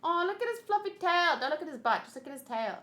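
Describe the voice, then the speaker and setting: A thirty-year-old woman who hosts a gaming channel chats casually on a livestream while unboxing plush gifts, gushing and rambling in a cutesy way. Her voice is very high-pitched, expressive and fast, with a fairly bright tone.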